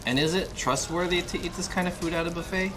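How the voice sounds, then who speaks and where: A man in his thirties eats alone in a restaurant while live-streaming, chatting casually, rambling, swearing and often quizzing his viewers. His voice is high and fast, with background noise and music playing behind him indoors.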